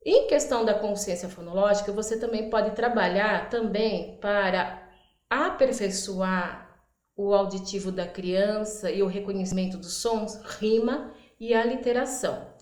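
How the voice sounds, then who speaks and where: A woman teacher explaining early literacy activities, sounding out words slowly and acting out her prompts to children. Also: mid-range voice, darkish tone, echoey room. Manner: stretches out words for demonstration, acts out classroom prompts. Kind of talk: instructional explainer.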